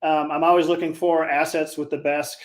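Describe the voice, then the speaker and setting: A man talks as a guest on a podcast, speaking with a somewhat high voice. He grows impassioned and emphatic, stumbling over his words and restarting sentences as he presses his point. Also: flat delivery, moderate pace. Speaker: guest, hedge fund manager. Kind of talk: podcast conversation.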